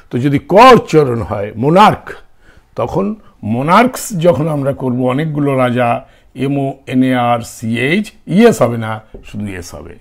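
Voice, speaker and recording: A man's voice: fairly high pitch, vocal fry. A man teaching an English grammar lesson with a Bengali accent, switching between Bengali and English and often checking in with his students. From India. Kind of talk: classroom grammar lesson, spelling words letter by letter.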